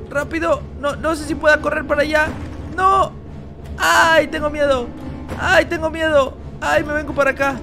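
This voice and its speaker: A man commenting on a horror game he plays, reading its lines aloud in translation, talking to his viewers and yelping and repeating words when he is scared. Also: very high voice. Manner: addresses viewers as "chicos". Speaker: gaming YouTuber. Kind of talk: Let's Play commentary translating game dialogue.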